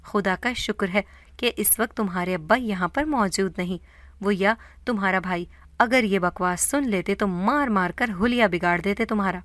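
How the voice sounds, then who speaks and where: A woman's voice: medium pitch, a bit bright, no echo, lightly acted. A woman voicing a stern, angry middle-aged mother who scolds her daughter. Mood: furious.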